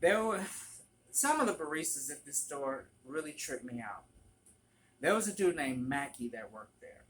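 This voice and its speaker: A vlogger telling a work story in an animated, profane storytime manner. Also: mid-range voice, normal speed, a little hiss or hum. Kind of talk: storytime vlog.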